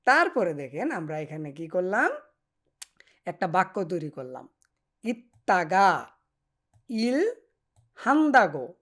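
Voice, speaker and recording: A woman teaching Korean grammar, patiently repeating example phrases slowly. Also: fairly low pitch, sing-song. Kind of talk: explaining grammar to Bengali speakers.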